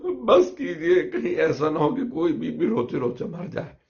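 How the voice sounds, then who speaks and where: A man's voice: on the high side, normal speed, vocal fry, darkish tone, pitched above the performer's own voice. A man voicing a young man who mourns his slain kin and cries out his lament, in a dull lo-fi recording. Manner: crying out, lamenting.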